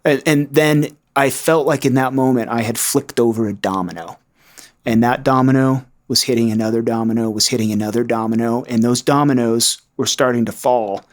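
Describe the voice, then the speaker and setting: A man's voice: mid-range voice, normal speed. A man recounting his own story in an earnest, reflective way, as a podcast guest. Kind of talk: personal testimony.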